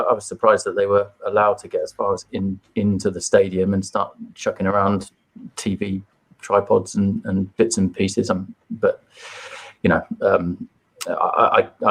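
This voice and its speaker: An English man appearing as a guest on a fan podcast, speaking in a measured, hesitant way with many fillers. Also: deep voice, flat delivery, breathy edge, low-quality recording. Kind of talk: casual fan podcast chat.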